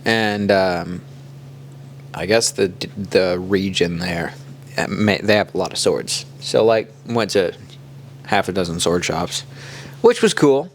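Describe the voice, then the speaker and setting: A man from the Kansas City area co-hosts a podcast, his voice sitting on the low side. He tells stories in a relaxed, rambling way, leaning on fillers as he goes. Faint steady noise sits under the track. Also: slow. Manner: relaxed storytelling, loose with "like". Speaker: podcast co-host. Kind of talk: casual chat.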